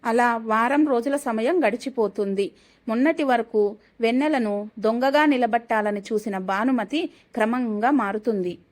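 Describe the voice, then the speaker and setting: A woman narrating a family story in an even, scripted storytelling manner. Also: a little high, a little slow.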